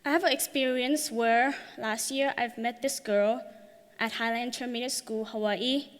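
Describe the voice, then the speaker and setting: A teenage girl from Thailand giving an earnest, prepared talk on stage, her phrasing a little halting. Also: fairly high pitch, steady tone, long reverb tail. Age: teens. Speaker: youth speaker. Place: large hall.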